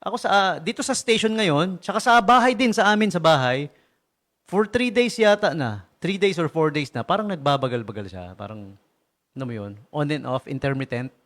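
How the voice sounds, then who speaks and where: Lively, joking male radio DJ. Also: a little high, moderate pace. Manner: animated and joking, laughs often, fires rhetorical questions at listeners. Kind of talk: casual radio talk. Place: radio station studio.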